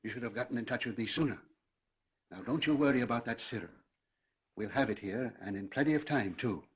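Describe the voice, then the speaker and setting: An actor playing a pompous older judge who blusters and barks orders. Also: male voice, mid-range voice, brisk, breathy edge, lo-fi sound. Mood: commanding. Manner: blustering, commanding. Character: pompous older male judge, brusque then generous.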